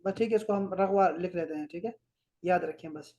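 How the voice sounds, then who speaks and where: A man from Pakistan teaching Arabic, correcting homework and explaining words slowly, one by one. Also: high voice, mellow.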